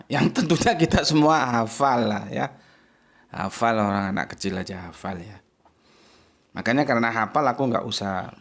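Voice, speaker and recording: A man gives his viewers a casual spoken religious lesson. He's chatty and emphatic, using big pitch swings to stress his points.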